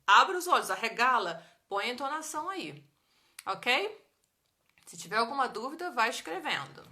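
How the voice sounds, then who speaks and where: A woman who speaks Portuguese as her first language, teaching an English grammar lesson on a live stream in a lively, chatty way and answering viewers' comments. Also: fairly high pitch. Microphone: phone or webcam for a live stream.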